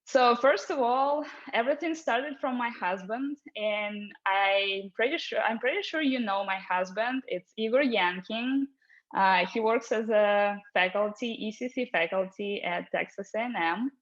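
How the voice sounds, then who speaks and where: A woman's voice: on the high side, a little slow, a bit bright. Woman with a Russian accent, telling a personal story; nervous and apologetic, slightly muffled recording. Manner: nervous, apologetic, laughing often. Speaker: storyteller, veterinarian.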